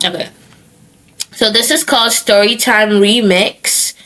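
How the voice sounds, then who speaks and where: A young woman hosting a podcast, upbeat and giggly, with quick affirmations. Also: a little high, steady tone, sharp tone. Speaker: podcast host. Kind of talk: casual interview chat.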